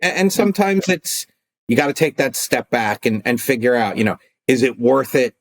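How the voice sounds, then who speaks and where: A man's voice: medium pitch, moderate pace. A middle-aged man, an attorney turned coach, talking casually in a podcast interview and acting out calls and arguments as he tells stories. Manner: animated, acts out phone calls and arguments.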